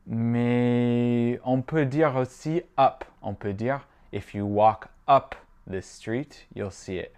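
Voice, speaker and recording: Slow-spoken Midwestern American man teaching. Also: fairly low pitch, darkish tone. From Midwestern United States. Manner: slow, deliberate, repeats phrases word by word. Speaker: language teacher. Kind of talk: English lesson for French speakers.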